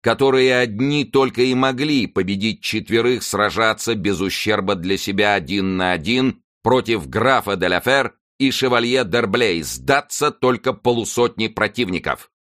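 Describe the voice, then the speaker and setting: A man voicing a loud, commanding nobleman with a resonant, mocking voice. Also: animated, moderate pace, no room sound, studio quality. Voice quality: resonant, booming.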